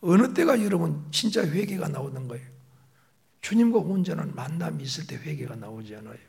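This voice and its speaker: A middle-aged male pastor preaching a sermon, moving between raised emphatic phrases and soft whispered asides. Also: on the high side, animated, brisk, vocal fry.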